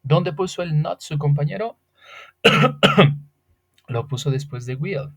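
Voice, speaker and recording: A man's voice: fairly high pitch, animated, slow, fairly bright tone. Patient Spanish-speaking man teaching English grammar. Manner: patient, explains step by step with rhetorical questions. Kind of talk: online English grammar lesson.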